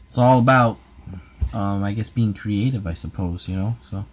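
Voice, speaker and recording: A man's voice: lowish voice, normal speed. A man hosting his own ASMR channel, chatting casually with viewers in a rambling, hesitant way full of fillers and restarts. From United States. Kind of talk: casual livestream chat answering comments.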